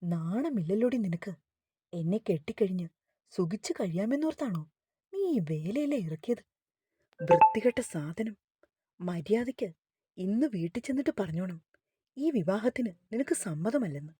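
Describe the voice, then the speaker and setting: A woman's voice: mid-range voice, animated, moderate pace, warm tone, husky, no echo, clean studio sound. A woman reading as a harsh, scornful young boss. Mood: angry. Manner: harsh, scolding, contemptuous. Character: angry arrogant young male boss.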